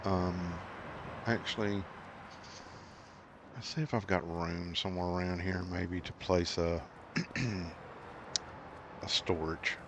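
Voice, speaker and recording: A man's voice: low voice, little pitch movement, slow, long pauses, background noise. A middle-aged man hosting a farming game video, rambling and ranting in casual commentary with lots of fillers and restarts. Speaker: gaming channel host.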